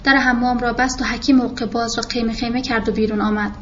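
A woman reading a novel aloud as narrator, in a steady storytelling manner. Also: a little high. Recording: muffled with faint hiss.

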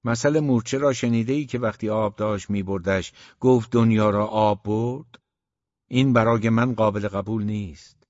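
A man reading the part of a stern, hot-tempered father who scoffs and shouts. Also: fairly low pitch, no echo, muffled recording, natural voice. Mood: scornful. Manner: scornful, shouting outbursts.

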